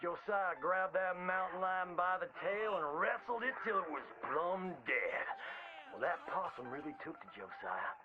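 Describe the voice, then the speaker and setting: This high male voice has lively intonation and an unhurried pace, heard through narrow, tinny audio. He plays a theatrical frontier showman in a video game, narrating bragging tall tales with a hammy, folksy flair and an old-time Southern drawl. Prominent music plays behind the band-limited, old-radio-style narration.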